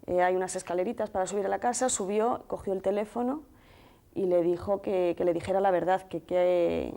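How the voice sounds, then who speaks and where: A woman in her thirties with a Madrid Spanish accent, a TV interview guest calmly recounting events in detail with quoted dialogue. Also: on the low side, a little fast, vocal fry. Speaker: guest, sister of the deceased. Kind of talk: emotional first-person account in a TV interview.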